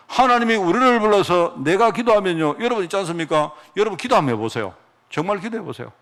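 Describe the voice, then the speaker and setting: Lively man preaching with a lilt. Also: a little high, gravelly. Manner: animated preaching with rhetorical questions and storytelling. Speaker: pastor. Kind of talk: sermon.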